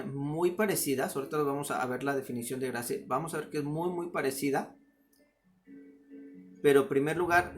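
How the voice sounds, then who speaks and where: Man, preacher, unhurried sermon, mid-pitched voice, verses recited from memory. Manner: slow, thoughtful, reciting verses from memory with fillers. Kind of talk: informal sermon video.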